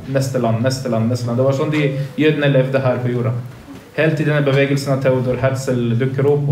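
A man's voice: mid-range voice, darkish tone. Man, mosque teacher, preachy, repetitive, distant phone mic, faint room hum. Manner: earnest, preachy, repetitive emphasis. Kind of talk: religious lesson to boys. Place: large carpeted mosque room. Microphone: phone livestream from across the room. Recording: echoey room, speaker far from phone.

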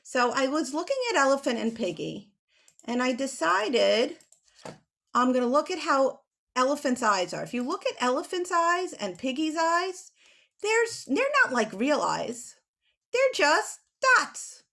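A middle-aged woman with a high, creaky voice speaks at a measured pace as she leads a drawing lesson for kids. A children's author and illustrator, she's animated, giving simple explanations and stressing words emphatically. She's in a small home room with bookshelves, on a video call through a computer mic.

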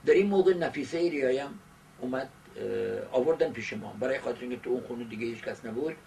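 An elderly man recalls past events haltingly, with long hesitations, in an indoor interview. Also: medium pitch, warm tone. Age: 70s. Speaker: interviewee giving oral history. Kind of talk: recollective personal narration. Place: small book-lined study indoors. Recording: distant mic, noisy amateur camcorder sound.

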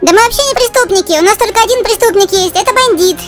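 A cheeky little cartoon dog, extremely high and quick. He chatters in chirpy slang over music. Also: a bit bright. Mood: indignant. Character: small, chatty, cheeky cartoon talking corgi, male.

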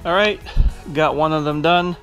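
A young man who vlogs and owns a small business walks through a large indoor metal warehouse, thinking aloud in casual narration into a handheld action camera held at arm's length. His voice is fairly high, a bit bright, and at normal speed; the recording is muffled, with faint music behind.

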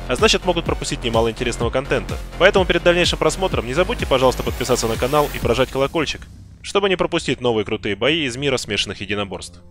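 Male channel narrator, mid-range voice, scripted read at a very rapid pace over faint music. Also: medium pitch.

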